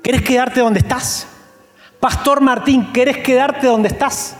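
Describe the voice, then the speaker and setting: A man with an Argentine Spanish accent preaching a sermon as a pastor, animated and joking, acting out the voices of people he quotes. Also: extremely high pitch, measured pace, reverberant, big-room sound, soft background music.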